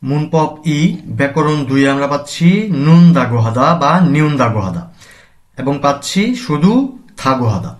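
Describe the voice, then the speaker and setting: A man from Bangladesh with a Bangladeshi Bengali accent, teaching grammar and pronunciation slowly and deliberately, repeating each term. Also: mid-range voice. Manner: slow, deliberate, repeats terms and spells out sounds. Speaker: language teacher.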